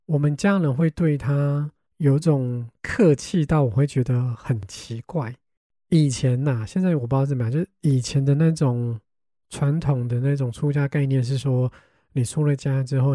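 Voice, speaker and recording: A young man with a Taiwanese Mandarin accent, hosting a podcast and telling family stories in an animated, exasperated way, swearing casually. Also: mid-range voice, no echo, studio quality. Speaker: podcast host. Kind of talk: casual storytelling chat.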